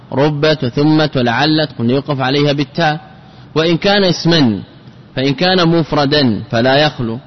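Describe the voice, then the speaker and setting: A man teaching a classical Arabic grammar lesson, repeating each point and asking his students rhetorical questions. His voice sits somewhat high for a man. The recording is dull and lo-fi, with a long reverb that suggests a large hall.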